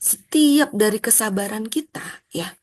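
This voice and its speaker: A middle-aged woman giving a casual religious self-help lesson, chatty and animated, sometimes acting out prayers in a higher voice. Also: measured pace. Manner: chatty, animated, acts out quoted prayers in a high voice.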